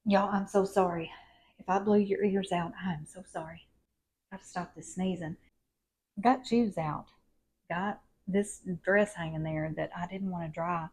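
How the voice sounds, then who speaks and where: A woman's voice: lowish voice, measured pace, darkish tone. A woman, chatting casually in a rambling, folksy way as she tidies her home and talks to viewers on a clip-on mic. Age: 50s. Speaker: lifestyle vlogger. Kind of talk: casual home vlog chat. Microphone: wired clip-on mic.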